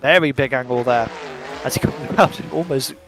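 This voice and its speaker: A young man calls a virtual drift competition live, chatty and upbeat, in a mid-pitched voice. He narrates each run as it happens and answers viewers' chat between runs. Soft music plays faintly underneath. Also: brisk. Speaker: drift race commentator. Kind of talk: live esports commentary.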